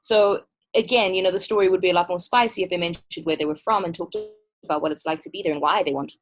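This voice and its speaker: A woman from Malawi, a music festival curator, speaking as a guest in a casual interview. She talks in a thoughtful, measured way over a video call. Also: fairly low pitch, fairly even intonation.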